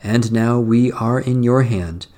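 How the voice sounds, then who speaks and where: Slow, mellow man reading liturgy. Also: medium pitch. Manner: measured, solemn recitation. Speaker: prayer leader.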